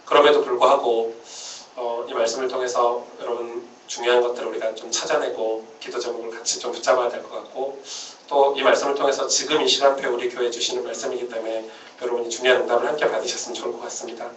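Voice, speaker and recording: A pastor giving a casual sermon at a Friday church service, talking conversationally with many "uh" fillers and restarts. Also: male voice, mid-range voice, level tone, fast talker, fairly bright tone, slight background noise. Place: church sanctuary. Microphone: phone recording from the room. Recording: roomy, distant, dull phone recording.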